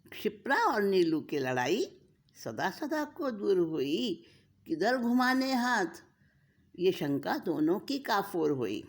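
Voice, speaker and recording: A woman narrating a moral story in an expressive, dramatic way. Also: medium pitch, slow pace. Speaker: storyteller, religious speaker.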